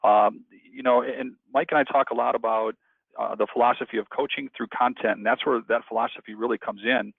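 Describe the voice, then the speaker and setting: A man co-hosting a radio webinar, talking fast and energetically with frequent restarts. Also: mid-range voice, fairly even intonation, creaky, slightly rough, no room sound. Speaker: radio programmer and webinar co-host. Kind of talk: casual webinar presentation. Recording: tinny phone-like audio.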